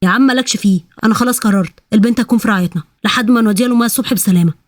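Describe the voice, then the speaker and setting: A woman voicing a soft-hearted but stubborn male thief who speaks Egyptian Arabic. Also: on the high side, rapid-fire, no echo, clean studio sound, close to an everyday voice. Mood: determined. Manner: insistent, gentle.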